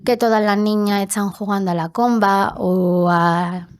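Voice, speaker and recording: A woman's voice: mid-range voice, fairly even intonation, measured pace, clear, resonant tone, dry recording, studio quality. A young woman telling her own story in a podcast interview, earnest, sometimes acting out the voices of people her childhood. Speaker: interview guest. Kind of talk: personal testimony in a podcast interview. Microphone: podcast studio mic.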